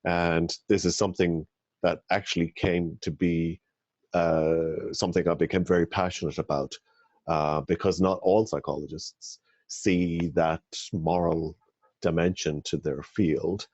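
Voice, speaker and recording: A middle-aged man with an Irish accent, a psychology academic answering interview questions in a measured, thoughtful way, often pausing with ums and restarting phrases. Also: sits low, steady tone, a little mellow, no echo, lo-fi sound. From rural Ireland.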